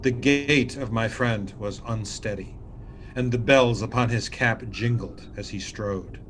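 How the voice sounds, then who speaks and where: An actor playing a vengeful, smoothly false-friendly nobleman who narrates in a deliberate, formal, theatrical dramatic reading. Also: lowish voice, background noise, natural voice. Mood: quietly sinister. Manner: deliberate, measured, formal diction.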